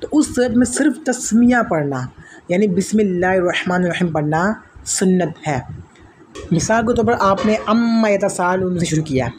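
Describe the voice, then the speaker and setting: A man with a high voice leads a spoken lesson on Quran recitation, breaking his chanted examples into slow steps. He explains patiently and keeps posing questions to his students, then answering them himself. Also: expressive, slight background noise.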